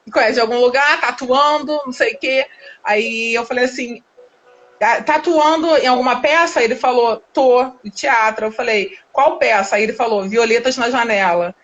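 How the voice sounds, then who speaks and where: A Brazilian woman telling her own story in a casual, animated way, laughing often and acting out the dialogue. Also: on the high side. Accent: Brazilian Portuguese. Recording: dull lo-fi live stream audio.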